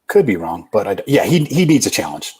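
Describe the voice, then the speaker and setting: A man co-hosting a podcast, chatting in a relaxed, self-deprecating way about fights. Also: fairly low pitch, fairly quick, a little hiss or hum. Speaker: podcast co-host. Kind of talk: casual fight recap chat.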